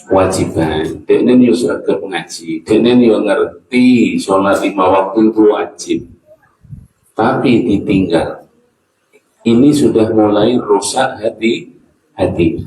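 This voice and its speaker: A male preacher with a Javanese accent delivers an earnest sermon at a slow, deliberate pace and often puts questions to his listeners. His voice sits low. The sound is roomy and echoing, picked up from some distance. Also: a little mellow, a little hiss or hum. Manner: earnest, mixing in local phrases, asks the audience questions. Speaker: Islamic preacher. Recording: echoey hall, mic at a distance.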